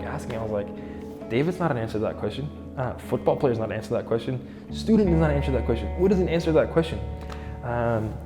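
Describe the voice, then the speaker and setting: A man in his twenties from Egypt, sharing his faith testimony in an earnest, reflective way. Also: mid-range voice. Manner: earnest and reflective, quotes his own inner thoughts. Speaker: church member sharing testimony. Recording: long reverb with soft guitar music.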